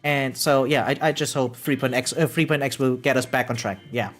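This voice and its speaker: Speaking fairly quickly in an extremely low voice, this woman game streamer rants casually on a live stream over faint music. She swears a lot, airs strong opinions with animation, and repeatedly poses rhetorical check-ins to her listeners.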